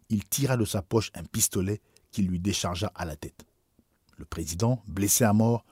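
A man reading a historical memoir aloud in a solemn, measured, mournful narration. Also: lowish voice, mellow, slightly rough, no room sound, studio quality. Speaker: audiobook reader.

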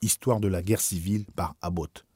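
A man reading a historical memoir aloud in a solemn, measured, mournful narration. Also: low voice, dark tone, slightly rough, dry recording, clean studio sound. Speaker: audiobook reader.

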